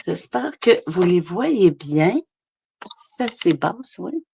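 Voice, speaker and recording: Her voice sits fairly low, warm and gravelly, and she's very animated yet slow. She's a woman with a Québécois French accent doing a chatty, filler-heavy live card-making demo, filmed on a phone camera with a little hiss or hum.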